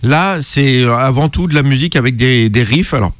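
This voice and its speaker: A man's voice: mid-range voice, brisk, no room sound. A man hosting a radio music show, chatting casually with many hesitations.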